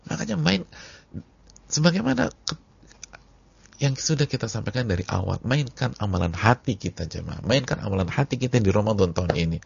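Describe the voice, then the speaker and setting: A man preaching a sermon, casual and animated, swinging between loud and soft. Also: on the low side, brisk, vocal fry, husky. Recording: dull lo-fi audio recording.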